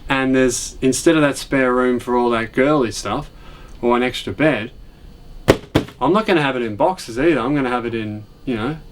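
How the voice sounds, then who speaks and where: A man's voice: mid-range voice, moderate pace, a little hiss or hum. An Australian man, a record collector, chatting casually in an interview, hesitant and full of restarts. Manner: hesitant, with many fillers and restarts.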